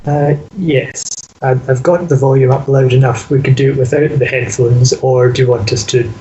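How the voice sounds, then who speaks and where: Scottish guy, 30s, mellow voice, dull call audio with a bit of hiss. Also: mid-range voice, steady tone, moderate pace. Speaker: hypnosis subject on a call. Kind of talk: casual chat. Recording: muffled call line with faint noise.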